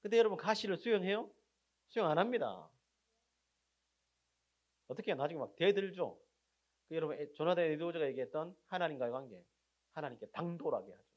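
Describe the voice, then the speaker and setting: Asking the congregation questions and supplying the answers himself, a male pastor preaches briskly in a voice on the high side with lively intonation and frequent pauses. He moves between loud, forceful lines and very soft endings, and the audio is dull.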